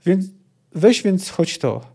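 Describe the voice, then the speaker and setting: A man voicing a gloomy young male gang leader, read aloud in a gruff, commanding way. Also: high-pitched, big pitch swings, slow pace, warm tone, pitched above the performer's own voice, heavily acted.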